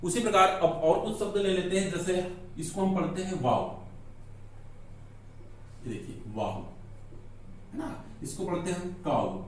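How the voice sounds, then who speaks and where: A man's voice: sits high, a little fast, few pauses, slight background noise. A man teaching English grammar in a lecture, asking questions and answering them himself. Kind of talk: classroom lecture explaining in Hindi. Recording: echoey room, mic at a distance.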